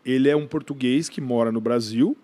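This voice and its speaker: This podcast guest, who owns a gym brand, has a Brazilian accent and a dark, medium-pitched voice, talking a little fast. In the relaxed conversation he keeps restarting phrases, repeats words, and throws in short tag questions.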